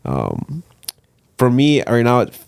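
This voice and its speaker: A male comedian hosting a podcast, who talks in a halting, casual way and laughs between thoughts. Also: medium pitch, wildly swooping pitch, vocal fry, darkish tone, smooth, no room sound, studio quality.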